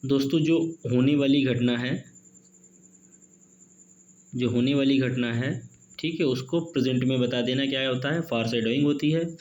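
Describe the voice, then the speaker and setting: A man teaching an exam-prep literature lesson, mixing Hindi and English, reading questions out slowly and adding "okay" and "friends" often. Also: mid-range voice, darkish tone, lo-fi sound. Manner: reads questions slowly, peppers with "ठीक है" and "दोस्तों".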